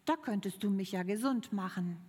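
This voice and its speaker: A woman's voice: medium pitch, normal speed, a little mellow, slightly rough, natural voice. Man with leprosy, eager then dismissive, read by a woman preacher; hall reverb.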